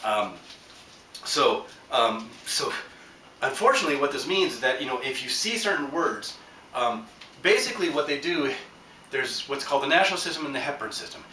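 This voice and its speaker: Heard in a roomy space far from the mic with a faint background hum, a man hosts a podcast teaching Japanese. He speaks at medium pitch with a sharp tone, and his casual lesson is rambling and jokey, loaded with fillers and asides.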